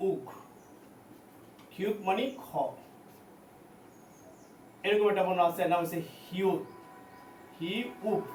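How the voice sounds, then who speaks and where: A man teaching a language class and drilling letter names, repeating each one slowly. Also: sits high, slight background noise. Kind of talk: classroom lesson. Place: training center classroom. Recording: echoey room, mic at a distance.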